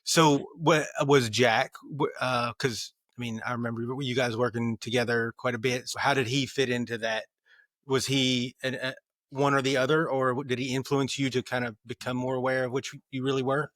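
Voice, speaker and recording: A man hosting an interview, asking halting questions with restarts. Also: medium pitch, little pitch movement, fairly bright tone, no room sound, clean studio sound. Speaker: podcast host. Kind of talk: casual interview chat.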